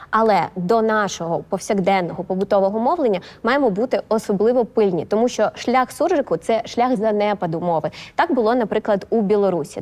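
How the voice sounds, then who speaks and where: A woman language expert giving measured, instructive explanations. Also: on the high side, darkish tone. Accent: Ukrainian. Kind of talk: explanatory commentary. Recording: studio with long reverb.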